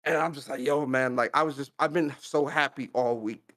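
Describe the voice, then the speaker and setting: A man co-hosting a casual podcast, excitable and laughing often, repeating himself as he gets hyped. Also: mid-range voice, fairly quick. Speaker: podcast co-host.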